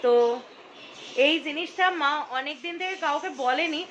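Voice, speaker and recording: A young woman talks straight into her phone camera at home, chatty and lively. Her voice is bright and a little high, with a faint hiss of background noise under it. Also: normal speed. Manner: chatty, lively, whispers while planning a surprise. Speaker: vlogger. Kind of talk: casual home vlog. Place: family home indoors.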